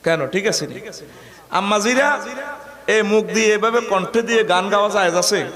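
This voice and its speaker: Sermon preacher: man, Comilla Bangla accent, high voice, crowd behind. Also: normal speed, reverberant. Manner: humorous, shouting, acts out women's voices.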